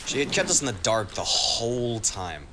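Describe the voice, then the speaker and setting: A man playing a cool, ruthless mercenary in a crime role-play drama, speaking tersely with quiet menace. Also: medium pitch, big pitch swings, moderate pace, background noise, natural voice. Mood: cool, matter-of-fact. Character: cool, ruthless male mercenary quoting Japanese proverbs.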